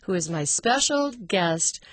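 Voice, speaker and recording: A woman's voice: mid-range voice, animated, slow pace, dry recording. A woman hosting a radio talk show, chatty and effusive in her praise of her guest. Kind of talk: casual radio interview.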